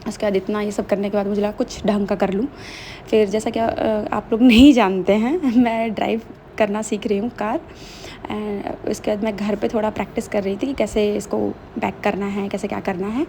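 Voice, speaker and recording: A woman's voice: medium pitch, steady tone, moderate pace, dark tone, slight background noise. A young woman chatting casually in a vlog voice-over, slipping English phrases into her talk. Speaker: vlogger.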